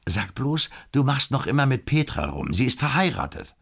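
A man reading an audiobook and voicing a defensive, overworked male friend on the phone, husky and grumbling. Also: medium pitch, very animated, normal speed, fairly bright tone, pitched above the performer's own voice, heavily acted. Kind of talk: audiobook character voice.

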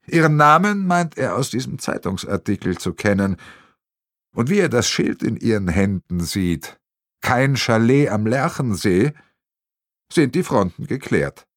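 A man's voice: on the low side, sing-song, moderate pace, dry recording. A man narrating a crime novel in a wry storytelling manner on a close mic. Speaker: audiobook narrator.

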